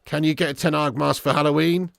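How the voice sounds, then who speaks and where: A British man doing live football watch-along commentary and chatting casually with viewers in an animated, blokey, sweary, matey way. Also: on the high side, quick pace. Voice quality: raspy, smoker's laugh.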